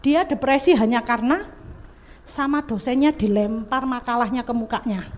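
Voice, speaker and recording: A woman psychologist giving an animated seminar talk to parents and teachers, often speaking to the audience directly. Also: a little high, moderate pace, a little hiss or hum. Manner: animated, mixes in local dialect, addresses audience directly. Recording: echoey hall reverb.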